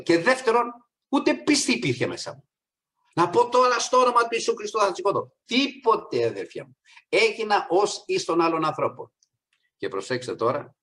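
A middle-aged man preaching a sermon, addressing the congregation as brothers and sisters, with soft asides and raised, emphatic peaks. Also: medium pitch.

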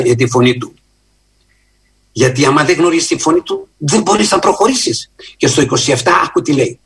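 A man preaching a sermon in an earnest, emphatic way, often rising in pitch and slowing for stress. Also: slightly rough. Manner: earnest, emphatic, with lively rises in pitch and slow stressed phrases.

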